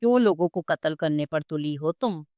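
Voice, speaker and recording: A woman voicing a lively, chatty young woman who teases her friend. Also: sits low, moderate pace, dry recording. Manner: bubbly, chatty.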